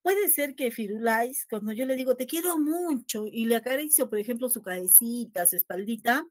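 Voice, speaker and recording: A woman's voice: a little high, expressive, a little fast, dry recording. A woman teaching a linguistics class, asking her students questions and tagging nearly every phrase with a questioning "¿no?". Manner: asks the class questions and acts out lines to her pet dog. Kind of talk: lecture to a class.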